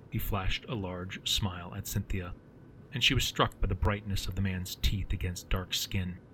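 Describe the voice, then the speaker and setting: A man narrating his own story in a steady, measured reading. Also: low voice, slight background noise, poor audio. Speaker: author and narrator.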